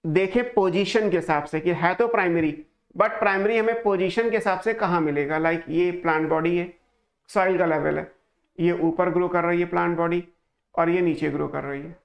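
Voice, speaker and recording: Speaking at a normal pace in a high, gravelly voice, a man teaches an online class. He walks through the material step by step, asks questions only to answer them himself, and blends English phrases into Hindi.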